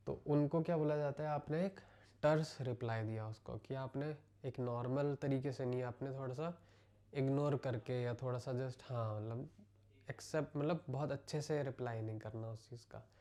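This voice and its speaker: A man with an Indian accent teaching English vocabulary, explaining each word slowly and repeating it in Hindi. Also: medium pitch, mellow. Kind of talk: vocabulary lesson.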